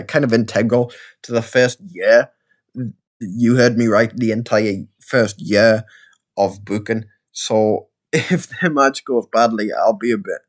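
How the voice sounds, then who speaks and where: A man with a Geordie accent talks through his gameplay in a loose, rambling way. He pokes fun at himself as he goes, in an easy, mid-pitched voice. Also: darkish tone. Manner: rambling, self-deprecating, chatty. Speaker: gaming video creator. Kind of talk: casual let's-play commentary.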